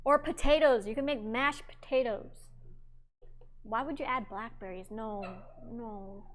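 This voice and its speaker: A woman's voice: on the high side, a little slow, slight background noise. A young woman livestreaming, chatting casually with her viewers while cooking in her home kitchen, rambling with lots of fillers.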